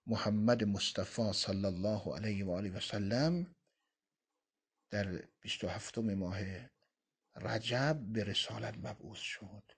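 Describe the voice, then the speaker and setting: A man's voice: fairly low pitch, a little mellow, husky. A man teaching a religious lesson, reading Arabic quotations and explaining them phrase by phrase. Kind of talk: Quran commentary lesson.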